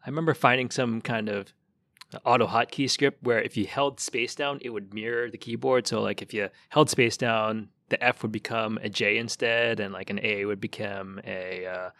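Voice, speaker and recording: A man talking as a guest on a podcast, recounting things in a relaxed, thoughtful way with fillers. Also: fairly low pitch, moderate pace, no room sound. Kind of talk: casual chat.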